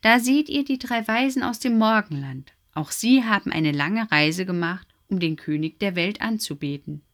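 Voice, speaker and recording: A woman's voice: mid-range voice, animated, moderate pace, hardly any pauses, natural voice. A woman voicing a wise, helpful female owl who guides the other animals, speaking eagerly in a raised voice. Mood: explaining.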